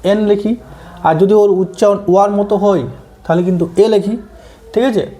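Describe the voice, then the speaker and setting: A male teacher walks students through English articles for an exam, pausing often to check they follow. His voice sits high for a man. The tone is soft and mellow rather than bright. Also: steady tone. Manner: explains step by step, often checks understanding. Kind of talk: exam-prep grammar lesson.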